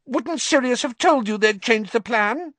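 A man voicing a terrified, groveling male traitor who squeaks and begs in a shrill voice for an audiobook. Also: expressive, measured pace, a bit bright, dry recording, heavily acted. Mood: pleading. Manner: groveling, begging. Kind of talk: audiobook character voice.

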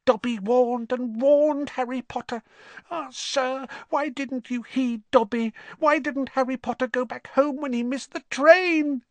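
A reader voicing a pitiful, servile male house elf who talks in a squeaky, fretful, pleading way. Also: steady tone, unhurried, no echo. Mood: miserable pleading.

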